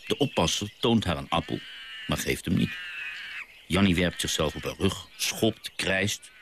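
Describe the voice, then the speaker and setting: An actor playing a gentle father and naturalist who tells stories of his sea voyage, in a radio drama. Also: low voice, measured pace, gravelly, a little hiss or hum, exaggerated voice.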